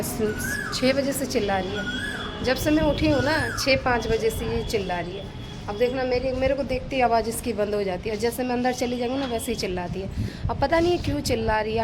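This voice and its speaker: A woman vlogging casually at home and on a rooftop, talking quietly into a phone camera so she won't wake anyone. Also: very noisy. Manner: hushed, low-volume talk so as not to wake a sleeper. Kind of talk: casual vlog chat while walking around home.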